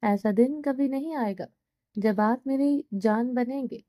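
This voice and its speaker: A woman's voice: high voice, dark tone, no echo, clean studio sound, natural voice. A woman voicing a proud, defiant young wife in an audio novel, stubborn and spirited.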